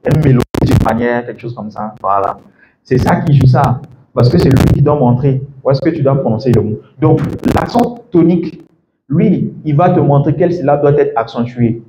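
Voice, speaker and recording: A man teaching English to a class of students, lively and full of questions to the room, laughing often. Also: medium pitch, moderate pace. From Ivory Coast. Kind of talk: classroom masterclass. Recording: echoey room with faint background noise.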